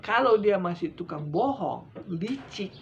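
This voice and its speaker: A middle-aged male evangelist delivering a sermon, pushing his voice up loud for emphasis and then sinking to low, hushed endings. The recording sounds a little dull and lo-fi, with a faint hiss behind him. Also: expressive, unhurried, creaky. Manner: emphatic, rising and dropping sharply for stress. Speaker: evangelist preacher.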